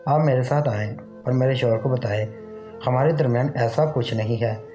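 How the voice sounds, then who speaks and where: A man's voice: medium pitch, moderate pace, warm tone, faint music behind, close to an everyday voice. A man reading a desperate, furious young wife. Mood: angry pleading. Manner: pleading angrily. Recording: dull lo-fi recording.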